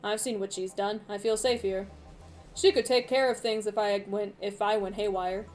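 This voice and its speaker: A woman voicing a polite, calm male assassin in a story game, speaking low and measured. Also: faint music behind, close to an everyday voice, low-quality recording.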